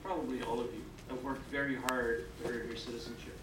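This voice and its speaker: An older Canadian man, French his first language, speaks quickly with a medium-pitched, level voice, encouraging new citizens at a ceremony. He keeps asking "okay?" to check on his audience in the large hall. The distant mic catches echo and background noise.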